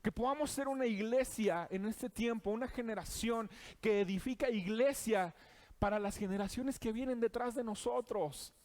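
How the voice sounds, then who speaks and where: A man's voice: high voice, normal speed, a little mellow. A man preaching a sermon, speaking directly to the listener in an earnest, urging way.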